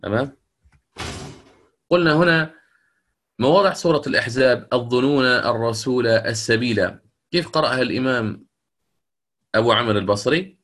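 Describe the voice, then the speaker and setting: A middle-aged man teaches the rules of Quran recitation to a class. He explains each point patiently and stops now and then to put questions to his students. When he reaches a verse, he slows down and recites it carefully. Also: mid-range voice, a bit bright.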